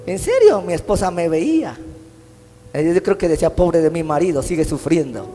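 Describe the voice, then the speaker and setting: High-voiced Mexican pastor preaching in a hall. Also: male voice, big pitch swings, mellow. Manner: impassioned preaching, swelling into sung, drawn-out phrases. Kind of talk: sermon. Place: church hall. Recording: long church-hall reverb with faint instrumental music.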